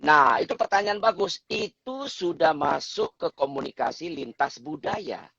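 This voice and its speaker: A male expert lectures in an explanatory way and sometimes acts out example phrases. His voice is gravelly and somewhat high. The lo-fi recording sounds dull. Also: lively intonation, a little slow, pushed and bright, slight background noise. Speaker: guest expert on communication. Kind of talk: explanatory talk show chat.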